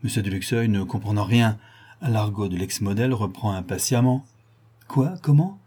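A man reading a classic novel aloud as a measured audiobook narrator. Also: fairly low pitch, steady tone, a little mellow, breathy edge. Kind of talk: scripted narration.

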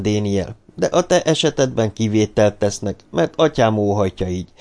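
A man's voice: fairly low pitch, creaky, darkish tone. A man reading the part of a stern, guarded middle-aged man in formal, cool tones. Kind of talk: audiobook dialogue reading.

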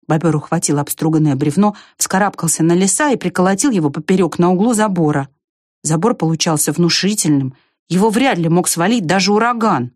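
A woman narrating a children's story in an expressive reading voice. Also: lowish voice, fairly quick, no room sound, studio quality. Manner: expressive, lively.

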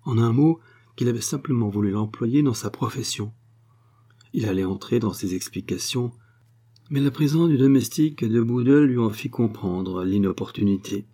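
A man reading a classic novel aloud in measured, even narration. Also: mid-range voice. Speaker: audiobook reader. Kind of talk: literary audiobook narration.

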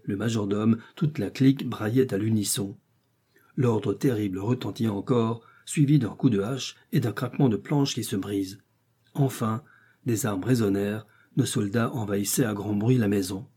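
A man narrating a classic adventure story in the first person, in measured literary storytelling. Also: on the low side, mellow, slightly rough. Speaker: audiobook narrator. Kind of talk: scripted narration.

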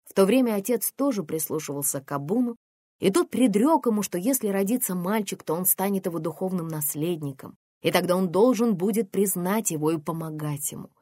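A woman narrating a first-person memoir as an audiobook, in a quiet, restrained storytelling manner. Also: medium pitch, lively intonation, a little fast, dry recording, studio quality.

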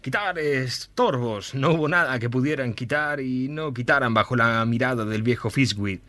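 A man narrating a classic Christmas story in a measured, storytelling way. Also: mid-range voice, fairly even intonation, pushed and bright, no echo. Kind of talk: scripted narration.

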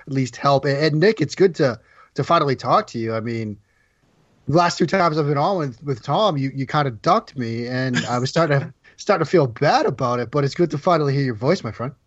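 A man's voice: medium pitch, expressive, brisk, dry recording. A man with a Boston accent, a guest football analyst who talks at length and often repeats words as he restarts. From Boston area, United States. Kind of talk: casual podcast chat. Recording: dry, slightly dull sound.

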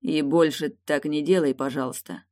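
A woman's voice: low voice, fairly even intonation, moderate pace, darkish tone, natural voice. A woman doing a serious restrained young man. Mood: calm tender.

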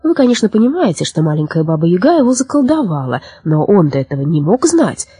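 A woman narrating a children's fairy tale in an expressive, animated storytelling manner. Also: fairly low pitch, quick pace, breathy edge, no room sound. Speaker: audiobook narrator.

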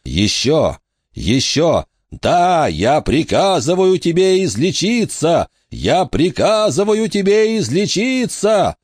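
A man voicing a desperate male faith healer who pleads and shouts commands at a wound. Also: fairly low pitch, huge pitch swings, extremely slow, slightly rough, dry recording, clean studio sound, exaggerated voice.

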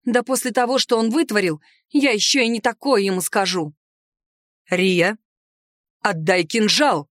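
A higher-voiced woman reading a first-person novel aloud with expressive, lively delivery. The sound is dry and close. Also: fairly quick, few pauses, no echo. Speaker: audiobook narrator.

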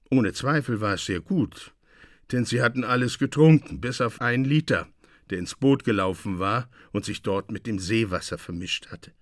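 Male storyteller for a radio reading, measured and expressive, dry studio mic. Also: mid-range voice, no echo. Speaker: audiobook reader. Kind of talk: literary narration.

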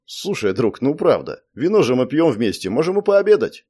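A man's voice: medium pitch, big pitch swings, moderate pace, mellow, husky. A man voicing an easygoing young king. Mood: friendly. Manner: friendly, coaxing.

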